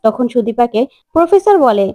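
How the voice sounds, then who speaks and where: Woman telling what happens in a tv serial, high soft voice, steady pace. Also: normal speed, no room sound, clean studio sound. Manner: steady narration, linking lines with "then". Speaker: storyteller. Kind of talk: recapping a TV serial.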